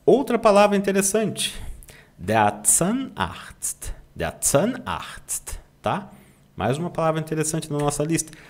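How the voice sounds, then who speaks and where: A Brazilian man teaching German online, who draws out German words slowly to model the pronunciation and keeps asking "tá?" to check that students follow. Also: fairly high pitch, big pitch swings. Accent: Brazilian Portuguese. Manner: slow, drawn-out demonstration of German words, frequent "tá?" check-ins. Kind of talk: online language lesson.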